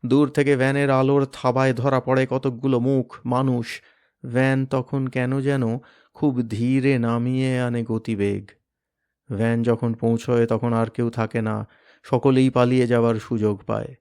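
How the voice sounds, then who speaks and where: A man reading a novel aloud in a dramatic, expressive manner, sometimes dropping to a hush. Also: medium pitch, unhurried, smooth. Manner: expressive, varied, hushed at moments. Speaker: reader of a novel.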